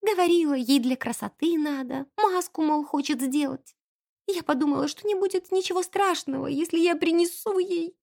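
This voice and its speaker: A woman doing a squeaky, tearful teenage maid. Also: sing-song, slow, hardly any pauses, darkish tone, dry recording, full character voice. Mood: frightened, tearful. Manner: squeaky, pleading, close to tears. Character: timid tearful teenage housemaid girl.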